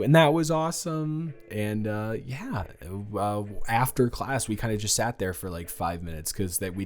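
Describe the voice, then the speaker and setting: A young adult man voices a sweet, playfully teasing college student in a romantic audio roleplay, his speech casual and halting, words repeating. His voice sits on the low side.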